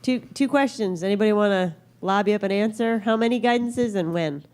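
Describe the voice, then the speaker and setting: A woman's voice: medium pitch, brisk, a little mellow. A woman moderating a question-and-answer panel, breezy and joking. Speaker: workshop moderator.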